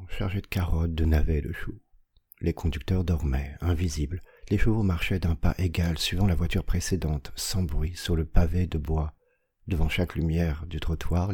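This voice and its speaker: A man narrating a classic story in a measured, theatrical reading that swells into loud, urgent passages. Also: rumbling low, husky. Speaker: audiobook narrator. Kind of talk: dramatic literary reading.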